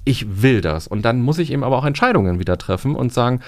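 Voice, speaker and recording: A man, a resilience coach, talking casually in a podcast studio and explaining ideas through everyday examples, stressing key words slowly. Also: medium pitch, animated.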